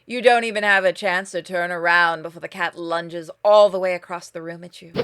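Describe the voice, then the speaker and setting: She speaks a little fast in a steady, slightly bright voice on the low side. A gaming streamer playing through a game with music in the background, she switches between dramatic reading of the story text and relaxed chat with her audience.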